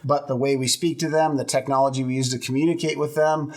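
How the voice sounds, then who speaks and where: A middle-aged man co-hosts a leadership podcast in a relaxed conversational tone. He explains his ideas earnestly, stacking examples and tossing in a quick "right?" to keep his partner with him. His voice sits at an ordinary mid pitch for a man. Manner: earnest, explanatory, builds points with rhetorical "right?". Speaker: podcast co-host.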